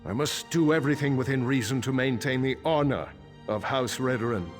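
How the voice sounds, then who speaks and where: Over music, a natural mid-range voice speaks briskly as a formal, dignified councilor who is also a worried father in a fantasy game. The dialogue sounds resolute, grave, and stiffly formal.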